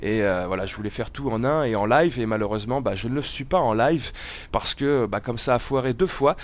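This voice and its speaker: Hosting a gaming video while sick with a cold, a man offers casual gameplay commentary that's hesitant and meandering. His voice is medium in pitch and moves at a fairly quick clip.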